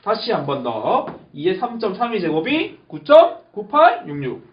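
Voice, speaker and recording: A man's voice: high voice, huge pitch swings, moderate pace. A man teaching a math lesson, repeating key terms emphatically and checking that the class understands. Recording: echoey lo-fi classroom recording with faint hiss.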